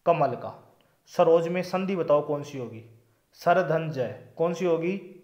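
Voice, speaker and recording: Male Hindi tutor with a Rajasthani accent, slightly high voice, slow, deliberate list delivery; quizzes the class and answers himself. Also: darkish tone. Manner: slow, deliberate listing of words one by one; quizzes the viewers with questions and answers them himself. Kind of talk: exam-prep lesson reciting synonym lists.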